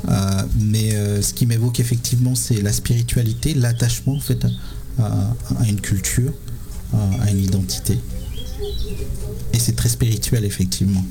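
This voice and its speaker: A man from Sri Lanka, in his thirties, answering interview questions as a musician guest, halting with many fillers and repeated words. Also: fairly low pitch, steady tone.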